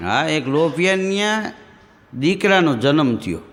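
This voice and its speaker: A man with a Kathiawadi Gujarati accent telling stand-up jokes in a folksy storytelling way, jumping into quick character voices. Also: on the high side, very animated, big-room sound. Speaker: comedian.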